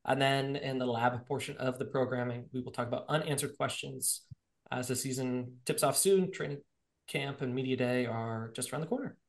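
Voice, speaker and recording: A man's voice: medium pitch, normal speed. A man hosting a podcast in casual, joking chat, his voice sounding echoey in the room. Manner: upbeat, joking, plugs sponsors. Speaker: podcast host.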